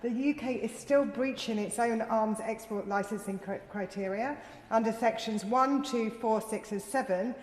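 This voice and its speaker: A woman's voice: a little high, moderate pace, hardly any pauses. A woman making a formal, argumentative intervention as a member of parliament. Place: large indoor debating chamber. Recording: echoey hall, faint background noise.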